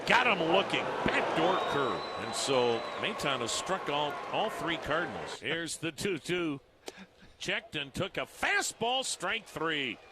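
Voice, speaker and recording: A man's voice: on the high side, sing-song, slow pace. A man calling live baseball play-by-play in short, clipped descriptive phrases. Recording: stadium noise behind.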